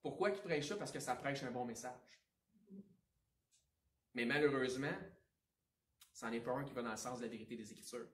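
Quebec pastor preaching in an echoey hall. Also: male voice, mid-range voice, brisk, pauses often, far from the mic. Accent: Quebec French. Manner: animated preaching, swinging between emphatic and hushed. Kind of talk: sermon. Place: church sanctuary.

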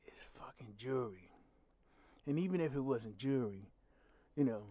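Hosting his own channel, a man gives solo commentary in a growly, mid-range voice, blunt and emphatic and swearing freely to drive his points home. He sounds expressive and unhurried, with a dark tone. The audio is close and dry, without any room echo.

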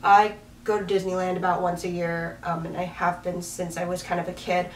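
With a fairly low, flat voice and a slightly quick pace, a young woman in her twenties from Washington State rambles casually to the camera and laughs at herself. She's a vlogger on her bed with a dog in a small bedroom. Recorded by a camera mic a few feet back, the sound is roomy and slightly distant, with slight background noise.

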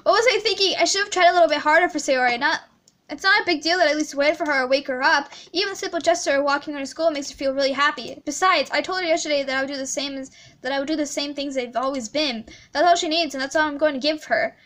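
A woman's voice: sits high, fast, a bit bright. A woman playing a horror game on her channel, reading the story aloud in a scared, stammering voice with nervous laughs. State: scared, heart racing. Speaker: gaming channel host. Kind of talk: let's play, reading a visual novel aloud.

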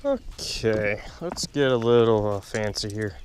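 Out on a lake by himself in a small boat, a young fishing vlogger keeps up an unhurried running commentary for the camera in a fairly low voice. He mutters at first before getting excited and laughing. The boat's camera mic records wind and water plus a little hiss or hum.

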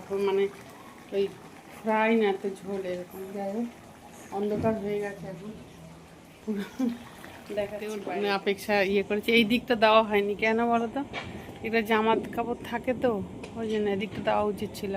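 A woman's voice: medium pitch, steady tone, fairly quick. A woman from West Bengal with a Bengali accent, chatting casually through a home vlog, rambling and filling gaps with hesitation words. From West Bengal, India. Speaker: vlogger. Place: home kitchen and balcony, festival night. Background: noise, firecrackers and street ambience.

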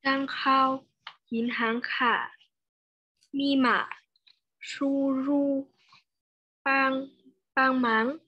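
A high-pitched woman student reads a word list at a very slow, flat, halting pace. The sound is muffled and lo-fi. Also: slight background noise. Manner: slow, halting reading of vocabulary. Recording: muffled lo-fi line.

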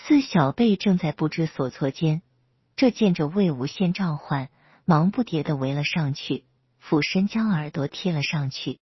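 A woman storyteller with a husky voice narrates serialized fan fiction. Her voice sits low. The recording is dry, close and dull. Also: lively intonation, normal speed, no room sound.

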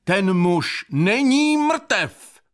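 A man voicing a small, calm doctor with a surprisingly broad, ringing voice in a storybook reading. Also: a little high, creaky, breathy edge, full character voice. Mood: commanding. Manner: ringing and commanding. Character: small, calm but commanding male doctor.

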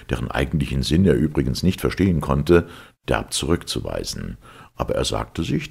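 A male audiobook reader narrating a novel with dramatic expression. His voice is extremely deep and gravelly, with a husky edge, and the pitch moves lively.

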